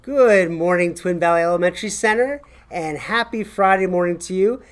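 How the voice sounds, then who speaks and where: A man's voice: sits high, normal speed, faint music behind. A middle-aged American man hosts casual morning announcements for a school. He is upbeat, chatty and encouraging, speaking to a camera in a classroom. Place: small classroom, indoors.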